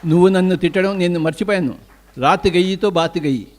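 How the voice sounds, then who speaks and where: Older man, Telugu accent, meditation teacher, emphatic repetitive preaching, fairly high voice. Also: a little fast, darkish tone. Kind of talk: spiritual discourse.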